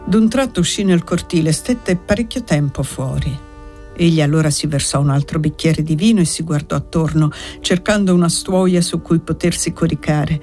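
A narrator reading a novel aloud in a measured, steady way. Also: medium pitch, faint music behind. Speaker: audiobook narrator. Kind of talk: scripted narration.

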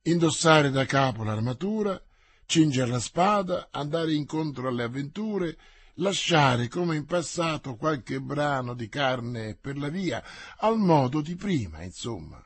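A man reading the part of a shrewd, persuasive male musketeer in an audiobook, in a measured way. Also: a little high, expressive, slightly rough, full character voice.

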